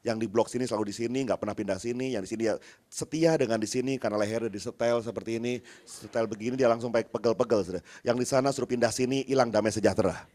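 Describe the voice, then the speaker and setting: A man, a pastor, giving a sermon in a lively storytelling way, often calling out to the congregation and swinging from soft asides to loud, emphatic peaks. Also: medium pitch, very fast. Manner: humorous, acts out little dialogues.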